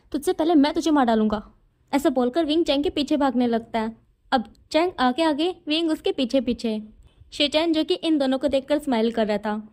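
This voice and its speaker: A woman's voice: high voice, darkish tone. A woman narrating a fan fiction story in a casual, chatty way. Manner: casual and chatty, explains scenes plainly.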